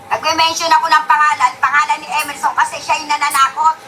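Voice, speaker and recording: A woman's voice: sits high, level tone, fast, pushed and bright, a little hiss or hum. A woman talking in a casual stream clip, scolding and questioning others.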